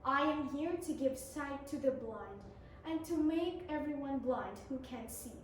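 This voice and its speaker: A woman voicing a calm, gentle, authoritative holy man in a dramatic Bible reading, soft and measured. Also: high voice, pitched below the performer's own voice. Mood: solemn. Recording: roomy, distant mic, faint noise.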